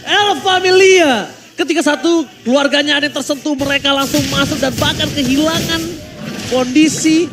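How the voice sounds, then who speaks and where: An Indonesian man casting an esports match like an excited fighting game announcer, with dramatic, drawn-out shouted calls. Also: very high-pitched. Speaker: esports play-by-play caster. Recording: loud background noise behind the voice.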